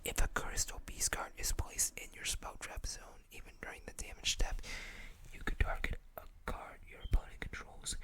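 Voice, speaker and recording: Small asides punctuate the host's gentle, unhurried whisper as card game text is read ASMR-style into a nearby microphone at a moderate pace.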